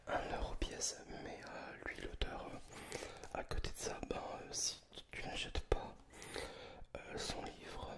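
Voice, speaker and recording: A man whispering in a hushed, breathy library whisper, chatting informally and hesitantly about things in ASMR style. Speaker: ASMR video creator. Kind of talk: whispered ASMR book chat.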